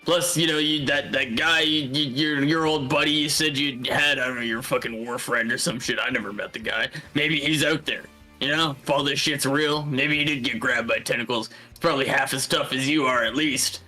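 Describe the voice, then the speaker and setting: A man's voice: medium pitch, steady tone, moderate pace, pushed and bright, faint music behind. A man role-playing his character in a tabletop game, rambling and swearing casually.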